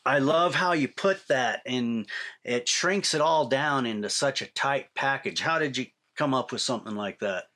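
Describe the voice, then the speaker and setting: A man hosting an interview, speaking in a slow, musing way with drawn-out phrases and fillers as he responds to his guest. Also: mid-range voice, bright, forceful tone. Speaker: interview host. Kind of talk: interview conversation.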